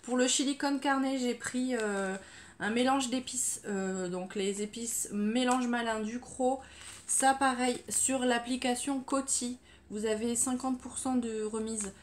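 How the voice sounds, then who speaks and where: A woman's voice: on the high side, measured pace, a little hiss or hum. A woman chatting casually through her grocery haul, full of fillers and trailing off with "voilà". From France. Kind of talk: casual haul video chat.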